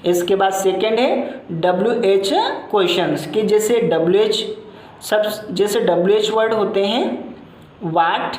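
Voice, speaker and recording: A woman's voice: medium pitch, steady tone, darkish tone. Woman teaching in an echoey room. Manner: explains slowly, repeats example sentences with drawn-out falling tone. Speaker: English teacher. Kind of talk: classroom lesson explanation.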